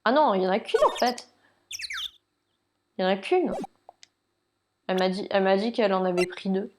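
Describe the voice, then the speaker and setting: A woman's voice: medium pitch, animated, moderate pace, noisy background. A young adult woman hosting a let's play, giving casual, chatty, self-deprecating commentary on a lapel mic. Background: game music.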